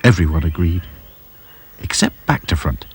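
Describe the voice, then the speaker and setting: A man narrating a children's storybook in a lively, expressive reading. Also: low-pitched, moderate pace, a little hiss or hum.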